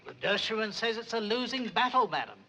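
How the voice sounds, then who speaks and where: An actor playing a stiff, formal butler who speaks deferentially. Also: male voice, sits high, lively intonation, quick pace, pushed and bright, a little hiss or hum, poor audio.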